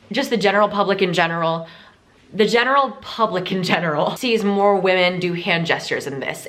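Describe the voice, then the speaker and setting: A woman's voice: fairly low pitch, a bit bright. A young woman vlogger chatting frankly to camera and sharing vocal training tips, with casual swearing and filler words.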